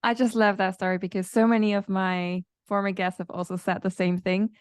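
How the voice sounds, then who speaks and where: A woman's voice: mid-range voice, little pitch movement, brisk, smooth, no echo, clean studio sound. A woman hosting a podcast interview, asking curious, open questions. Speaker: podcast host.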